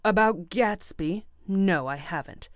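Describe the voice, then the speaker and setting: A woman reading the part of an arrogant, brusque wealthy man in an audiobook, loud and demanding. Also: medium pitch, takes it slowly, no room sound, clean studio sound, close to an everyday voice. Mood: harsh.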